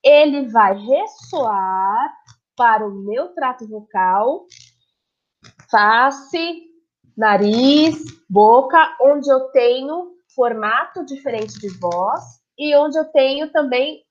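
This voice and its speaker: Explaining how the voice works, a woman speech therapist demonstrates sounds as she goes and checks listeners' understanding. She speaks slowly, with a high voice and lively intonation, over dull audio.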